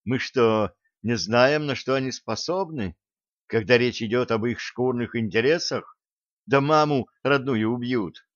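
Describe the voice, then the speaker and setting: A man doing a gruff, hot-tempered gang boss who talks in coarse slang and blunt threats, raising his voice above the narration. The audiobook voice sits close and dry on a slightly dull recording. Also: medium pitch, unhurried, no echo, close to an everyday voice. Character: rough, hot-tempered male gang leader. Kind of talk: audiobook character voice.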